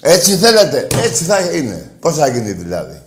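Guy running a call-in radio show, yelling insults then muttering, fairly high voice, echoey room. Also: huge pitch swings. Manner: combative, insulting, ranting at callers; swings between loud outbursts and low muttering. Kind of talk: heated call-in show banter.

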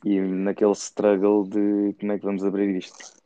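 A man's voice: fairly low pitch, monotone, normal speed, mellow, clear, resonant tone. A young man with a European Portuguese accent co-hosting a podcast with casual, slangy, laid-back interjections. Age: young adult. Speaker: podcast co-host. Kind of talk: casual banter between friends. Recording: dull, dry close sound.

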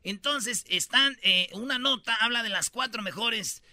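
A man's voice: very high voice, measured pace, pushed and bright, dry recording. A man with a Mexican Spanish accent hosting a comedy radio show, rambling through slangy, joking stories. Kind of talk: comic radio banter.

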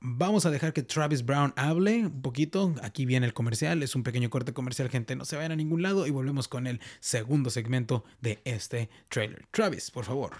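A man's voice: mid-range voice, fairly quick, few pauses. Male podcast host, casual and playful, loose rambling delivery. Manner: chatty, playful, rambling with repetitions. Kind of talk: casual trailer breakdown commentary.

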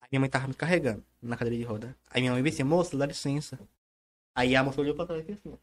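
A man talks casually as a guest in a conversation. His delivery is very quick yet halting, doubling back on words and phrases, at a medium pitch. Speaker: interview guest. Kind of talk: casual chat.

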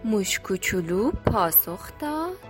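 A woman storyteller gently reading a children's story aloud. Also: mid-range voice, big pitch swings. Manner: gentle, clear, friendly storytelling. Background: soft background music.

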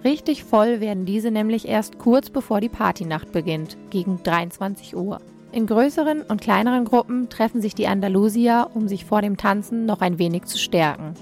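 Young woman, gravelly radio voice, scripted travel report, soft music underneath. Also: mid-range voice, normal speed. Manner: reads smoothly, addresses listeners directly.

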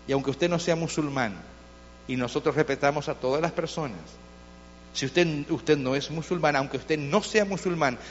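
A man's voice: fairly high pitch, slight background noise. A male pastor preaching a sermon with passion, asking his listeners rhetorical questions. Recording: dull lo-fi sound with long hall reverb.

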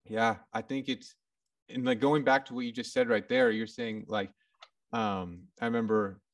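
Hombre casual, algo lejos del micrófono. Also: male voice, fairly low pitch, steady tone, distant mic. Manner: casual, halting, full of fillers. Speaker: photographer. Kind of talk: casual podcast chat.

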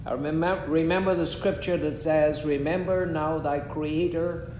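A man, preaching in short measured phrases and pausing after each one for an interpreter. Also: fairly even intonation, a little mellow. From Guyana. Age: 70s. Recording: echoey room with a faint rumble.

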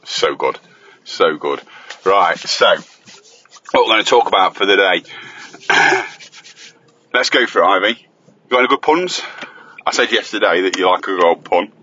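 A man's voice: low voice, animated, normal speed, pauses often, sharp tone, husky, dull audio. A man chatting and joking as he hosts his own school-run recording from the car, teasing and bantering. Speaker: host and father on the school run. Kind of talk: casual chat while driving. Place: inside a car on the road. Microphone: phone voice recorder.

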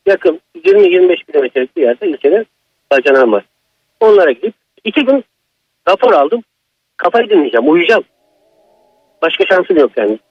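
A man phones in with his own horror story. His voice sits high and swings widely as he presses each point, with a husky edge. The phone line sounds dull and dry. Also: no room sound. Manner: agitated, emphatic retelling. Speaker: caller. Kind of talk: telling a personal horror story.

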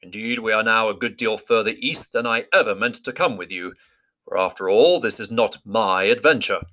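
A man's voice: on the low side, moderate pace, pushed and bright. A man voicing a wise, commanding old male wizard in a storybook reading, with grand formal speech. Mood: grave.

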